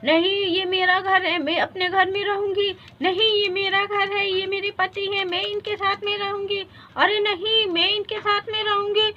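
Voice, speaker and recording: A woman's voice: extremely high pitch, flat delivery, moderate pace, hardly any pauses, sharp tone, dull audio, a little hiss or hum. A woman voicing a stubborn young new bride who insists she will stay in the house. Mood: insistent. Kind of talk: storybook voice acting.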